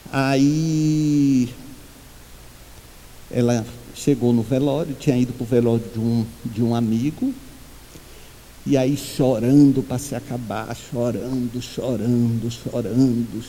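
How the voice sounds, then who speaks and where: A man giving a spiritual talk to a congregation, telling humorous anecdotes and acting out the quoted voices in a high pitch. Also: dark tone, in a large hall, slight background noise. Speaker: spiritual speaker. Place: meeting hall.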